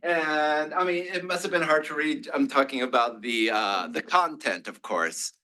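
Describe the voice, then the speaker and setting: A man giving a classroom lecture, talking in halting bursts with many fillers and restarts. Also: fairly high pitch, pushed and bright, low-quality recording. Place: lecture room.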